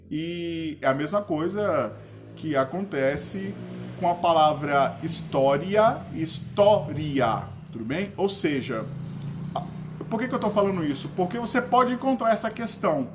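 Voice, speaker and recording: A man's voice: a little high, slight background noise. A male teacher with a Brazilian Portuguese accent, giving a casual grammar lesson and checking in with his students often. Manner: relaxed, chatty, checks in with the class often.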